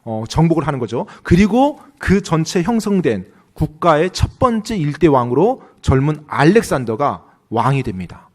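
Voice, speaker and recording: A man interpreting a sermon phrase by phrase, with lively, rising questions to the congregation. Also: on the high side, normal speed, few pauses.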